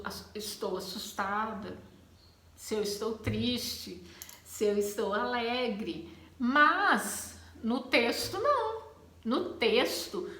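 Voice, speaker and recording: A woman with a Brazilian Portuguese accent teaching a grammar lesson, expressive and acting out exclamations to make her points. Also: a little high, roomy sound.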